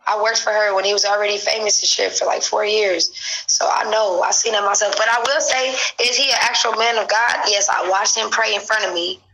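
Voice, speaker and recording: A young adult woman telling a gossipy story on her livestream in a casual, animated way, acting out what others said. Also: mid-range voice, poor audio. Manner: animated gossip, acts out quotes. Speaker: live streamer.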